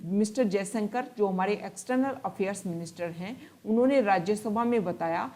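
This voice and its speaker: A woman tutor giving a newspaper analysis lesson for exam students, reading English passages slowly and then explaining and rephrasing them in Hindi. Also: mid-range voice, mellow. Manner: explanatory, repeats and rephrases points.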